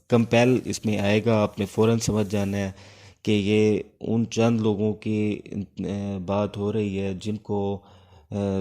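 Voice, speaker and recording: A man with a Pakistani accent gives an informal law lecture, his voice lowish and dark in tone. He explains haltingly, slips English terms into his speech, and raises questions only to answer them himself.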